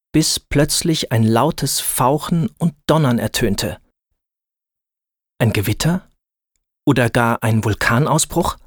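A man's voice: medium pitch, no echo, studio quality. Man narrating a children's adventure tale. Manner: calm, unhurried, speaks directly to the listener. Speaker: storyteller. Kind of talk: first-person storybook narration.

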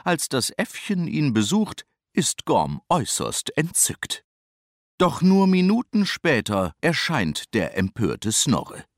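A middle-aged man narrating a children's storybook in a lively, expressive, unhurried manner. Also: on the high side, no echo, studio quality.

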